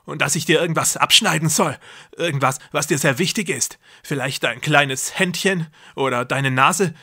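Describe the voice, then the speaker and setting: A man voicing a cruel, deluded young man who believes he is a god, speaking loudly and feverishly. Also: on the high side, moderate pace, pitched above the performer's own voice. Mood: raving menacing. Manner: loud, intense, feverish delivery.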